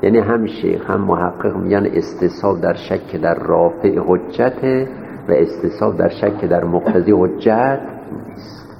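In a seminary classroom lecture, a man with a deep, creaky voice repeats each point and puts rhetorical questions to his students. The recording comes from an echoey hall and sounds dull and lo-fi, with faint noise.

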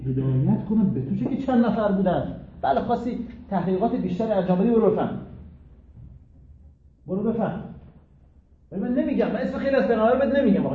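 A man, a cleric, giving an interactive religious lecture to students, telling jokes and stories in an animated way, in a distant, echoey, phone-like recording. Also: high-pitched, a little hiss or hum. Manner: animated, joking storyteller. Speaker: cleric teaching a religious class.

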